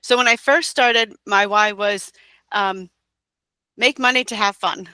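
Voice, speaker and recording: A woman's voice: mid-range voice, steady tone, measured pace, pushed and bright, clean tone, no room sound. A woman in her thirties, an interview guest, talking casually and rambling with many fillers. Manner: rambling, frequent fillers and restarts. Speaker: guest, direct-sales entrepreneur.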